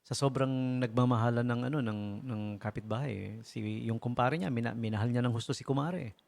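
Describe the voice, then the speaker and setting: A Filipino radio DJ tells funny stories in a casual, joking way, chuckling often and staying animated. His voice is medium in pitch, brisk, and gravelly, heard on a radio broadcast with music playing behind him.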